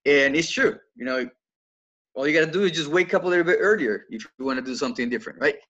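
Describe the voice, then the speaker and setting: Quick-paced and slightly bright, with a pitch on the high side, a young Colombian man talks as a guest on a casual podcast, but the highs are cut off. He's a financial coach in his twenties who earnestly recounts his story in English with a Colombian Spanish accent, repeating words whenever he restarts.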